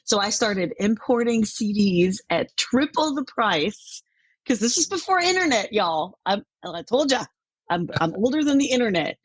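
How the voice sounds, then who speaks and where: A woman's voice: fairly high pitch, very animated, moderate pace, slightly rough, no echo. A middle-aged woman from Denmark, a country music artist, chatting animatedly in an interview and laughing often. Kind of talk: casual interview talk.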